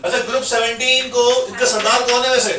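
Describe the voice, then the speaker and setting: Male classroom teacher, sing-song mnemonic drills, loud class crowd behind. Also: extremely high pitch, fairly even intonation, a little fast, echoey room, recorded from a distance. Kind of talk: classroom lecture with call-and-response.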